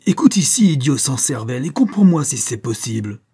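A man reading an audiobook, voicing a contemptuous, hot-tempered young male horse trainer who shouts insults at his servant. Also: medium pitch, sing-song, fairly quick, husky, voice pushed up. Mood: furious. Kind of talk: audiobook character voice.

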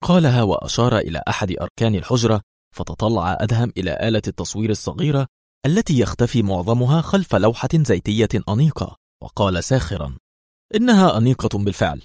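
Low expressive male audiobook narrator. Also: fast talker, no echo, clean studio sound. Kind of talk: scripted narration.

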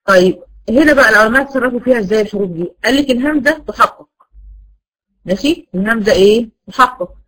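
Egyptian woman teacher, quick delivery, quizzes the class with questions she answers herself. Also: a little high, expressive, fairly bright tone, low-quality recording. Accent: Egyptian Arabic. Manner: asks the class rhetorical questions and answers them. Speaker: Quran recitation teacher. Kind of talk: classroom lesson.

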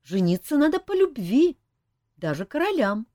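A woman's voice: sits high, big pitch swings, normal speed, dry recording, studio quality, voice pushed up. Woman voicing Azel, a sorrowful nymph. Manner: sorrowful, soft. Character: sad gentle nymph seer.

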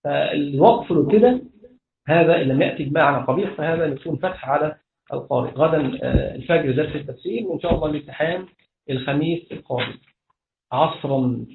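An Egyptian man teaches grammar like a sheikh, with a slightly high voice that keeps questioning his class and then answering himself. He recites verses in a slower, measured chant. The sound is roomy and echoing, squeezed into a thin phone-like band. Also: vocal fry. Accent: Egyptian Arabic. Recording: echoey room over a phone-like line.

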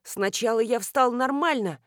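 Bumbling earnest male professor, read by a woman narrator, rambling explanations, slightly high voice. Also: normal speed, no echo, studio quality, lightly acted. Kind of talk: audiobook character reading.

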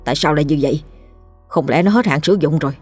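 A woman's voice: low-pitched, fast, a little mellow, breathy edge, faint music behind. A woman doing a flustered stammering old-style father. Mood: musing. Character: flustered middle-aged father, guilty, jumpy.

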